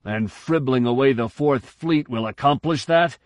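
Narrator playing a stubborn old-school admiral, higher and pushier, dry close sound. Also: male voice, normal speed, no room sound, natural voice. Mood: defiant. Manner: bold, pressing, raised in argument. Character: resigned, defiant male fleet admiral.

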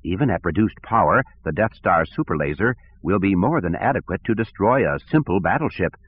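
A man voicing a squat, bald male technical officer who speaks in a measured, advisory way. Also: low voice, animated, slightly rough. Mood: advising. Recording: tinny phone-like audio.

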